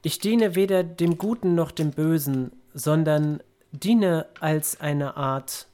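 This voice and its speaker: A man voicing a calm female spirit guide with a solemn, formal way of speaking. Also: fairly high pitch, slow pace, voice pushed up.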